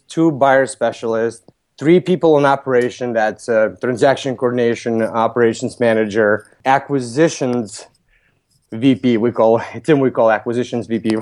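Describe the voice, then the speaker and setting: Lithuanian man in his thirties, mid-pitched, plain businesslike interview guest. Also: darkish tone. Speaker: podcast guest, real estate broker. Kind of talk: interview answers.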